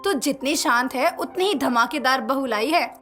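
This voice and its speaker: A woman's voice: high-pitched, moderate pace, a bit bright, soft background music. A woman voicing a mocking, gossipy middle-aged neighbor in a cartoon story. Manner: mocking and sly. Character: gossipy, teasing neighbor auntie.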